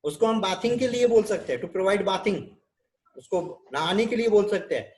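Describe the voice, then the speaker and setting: High-voiced Indian man teaching nursing online. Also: lively intonation, moderate pace, darkish tone. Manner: teacherly, keeps checking with the class; switches between Hindi and English. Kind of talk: online class lecture. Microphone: video call.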